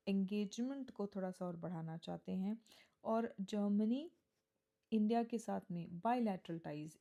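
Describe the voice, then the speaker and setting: A woman teaching an editorial reading lesson. She reads the English lines slowly, then explains them in Hindi, and checks in with students as she goes. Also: mid-range voice, dark tone, muffled recording. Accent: Indian English. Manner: asks students questions and checks with "है ना?".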